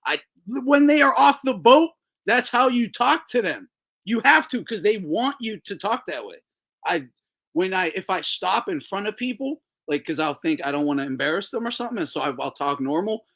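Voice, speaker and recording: A man hosting a casual boxing talk show, talking in a profane, animated way, laughing often and mimicking people. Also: high-pitched, moderate pace. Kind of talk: casual chat.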